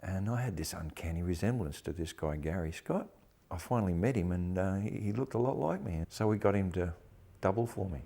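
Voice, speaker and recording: Deep-voiced older man, broad Australian accent. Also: expressive, brisk, vocal fry, mellow. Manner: blunt, salty, colloquial storytelling. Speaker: actor interviewee. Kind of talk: casual reminiscing interview.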